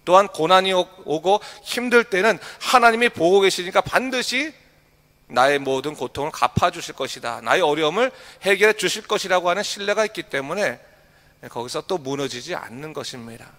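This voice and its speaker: Brief: male pastor, morning sermon, slightly high voice, rhetorical questions to the flock, church reverb. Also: animated, fairly bright tone. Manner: asks the congregation rhetorical questions and reads scripture aloud slowly. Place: church sanctuary. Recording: long hall reverb.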